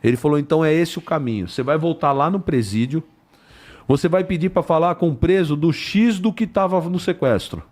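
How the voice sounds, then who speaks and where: An older man tells a police story as a podcast guest. His voice sits a bit high for a man, and he acts out each person in the dialogue with casual swearing. He speaks from a podcast studio. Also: brisk, darkish tone.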